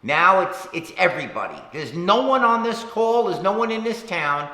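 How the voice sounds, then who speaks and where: A town official answering questions on a conference call, his voice bright and a touch high for a man. He speaks earnestly, leaning on his points and counting them off one by one. The line carries a hollow, roomy echo. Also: very animated, normal speed. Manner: earnest, emphatic, lists points by number. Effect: heard over a conference call line. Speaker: town official leading a public teleconference. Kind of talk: public Q&A answers.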